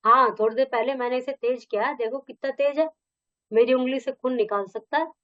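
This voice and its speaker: A woman's voice: high-pitched, a little fast, no echo, lightly acted. A woman reading the lines of a bold young village boy from a textbook story, in a dull, dry recording. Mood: defiant. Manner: reading dialogue aloud from a textbook.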